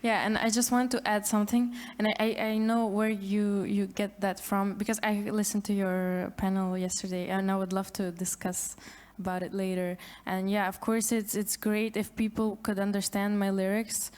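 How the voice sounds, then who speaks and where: A woman musician speaking on a conference panel, a native Macedonian speaker talking in English, halting, with many restarts. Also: medium pitch, level tone, darkish tone.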